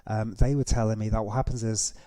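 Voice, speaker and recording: A man's voice: lowish voice, little pitch movement, fast, warm tone, no room sound. A man hosting a reaction video, giving casual, conversational commentary and explaining things as he goes. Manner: explanatory, conversational, with tag questions.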